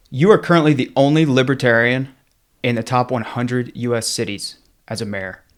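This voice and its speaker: A man hosting a podcast, introducing the episode and asking direct, opinionated questions. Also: mid-range voice. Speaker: podcast host. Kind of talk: podcast interview.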